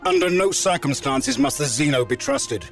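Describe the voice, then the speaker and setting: An actor playing a stern, xenophobic imperial advisor in a game, pompous and declamatory with hateful zeal. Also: male voice, medium pitch, lively intonation, moderate pace, faint music behind, close to an everyday voice. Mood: haughty contempt. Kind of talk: scripted game voice acting.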